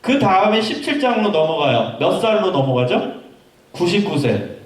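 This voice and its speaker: With a high, sing-song voice at normal speed, a male pastor tells stories during a youth sermon and quizzes the congregation. He's in a church hall, heard from far off amid heavy echo.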